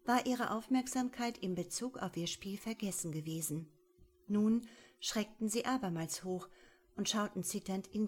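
A woman narrating a crime story as a scripted audiobook in a steady storytelling manner. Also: medium pitch.

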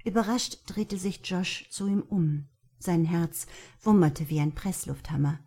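A woman narrating a novel in a steady, even audiobook reading. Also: on the low side, measured pace, breathy edge. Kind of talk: scripted narration.

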